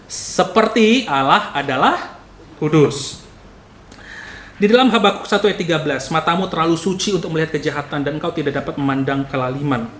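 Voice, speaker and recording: A young man from North Sumatra with a Batak-tinged Indonesian accent, preaching a casual, animated sermon and acting out little scenes with voices. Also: on the high side. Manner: animated storytelling, acts out voices, loud at times. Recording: echoey hall, faint noise.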